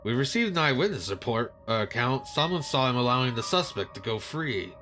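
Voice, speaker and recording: Halting flustered police boss, read by a man, bright tone. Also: mid-range voice, very animated, soft background music. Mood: chagrined. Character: police superior, flustered and apologetic.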